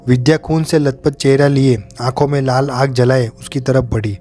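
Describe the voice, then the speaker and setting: A man narrating a horror story in a steady, dramatic way. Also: mid-range voice, moderate pace, soft background music.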